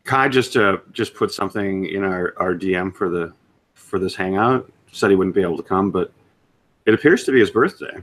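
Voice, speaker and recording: A man's voice: sits low, moderate pace, fairly bright tone. A man chatting casually on a stream, dropping dry joking asides. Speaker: stream chat guest.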